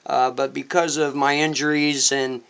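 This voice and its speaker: An older man, a veteran, recalling his service in an interview in a halting, earnest, reflective way. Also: mid-range voice, little pitch movement, creaky, fairly bright tone, smooth. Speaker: interview guest, war veteran. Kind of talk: reflective personal recollection in an interview.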